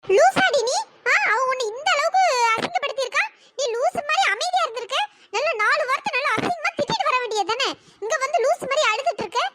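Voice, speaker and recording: A woman's voice: animated, quick pace, bright, forceful tone, heavily acted. [name], a woman doing a fiery, scolding best friend. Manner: scolding, brash and blunt. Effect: pitch-raised voice. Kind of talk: cartoon story voice acting.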